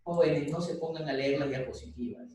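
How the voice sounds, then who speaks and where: A man's voice: fairly high pitch, fairly quick, dark tone, a little hiss or hum. A man with an Ecuadorian Spanish accent giving an informal, advice-filled university lecture over a video call. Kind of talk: online class lecture. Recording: echoey video-call audio from far off.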